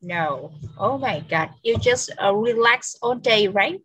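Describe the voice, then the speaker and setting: A woman teaching an English lesson over a video call, switching between Vietnamese and English and repeating words slowly for dictation. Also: mid-range voice, expressive, a bit bright, husky, low-quality recording.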